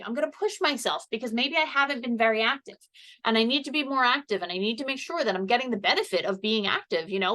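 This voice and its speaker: A woman giving a relaxed health presentation while seated. She speaks chattily, with plenty of fillers, and her voice has a bright, forceful edge as she explains each step. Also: on the high side. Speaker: health educator. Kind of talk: casual instructional presentation. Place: seated indoors.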